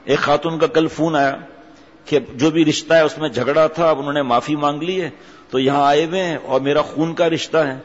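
Emphatic man preaching in an echoing hall. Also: on the high side. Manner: emphatic, rhetorical, scolding. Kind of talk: sermon. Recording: dull audio with long hall reverb.

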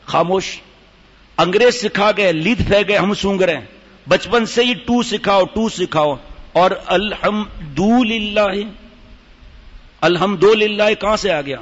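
A man's voice: high-pitched, a bit bright, husky. An older man giving a sermon to a gathering, telling stories and demonstrating recitation. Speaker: religious teacher. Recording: dull hall reverb.

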